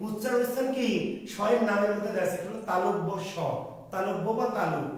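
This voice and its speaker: A man's voice: high-pitched, quick pace. A male teacher giving a grammar lesson, asking questions and repeating the answers back. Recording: very echoey room, far from the mic.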